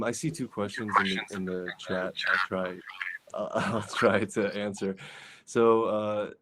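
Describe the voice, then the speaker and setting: A man's voice: fairly low pitch, a bit bright, slight background noise. A man giving a casual virtual conference talk over a video call, with frequent fillers and restarts. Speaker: conference speaker.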